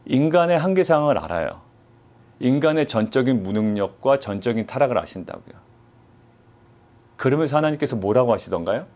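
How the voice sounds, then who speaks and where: Korean pastor preaching with rhetorical questions. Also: male voice, mid-range voice, very animated, fairly quick, long pauses, darkish tone. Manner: rhetorical questions, quoting God in a mock-gruff voice. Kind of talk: sermon.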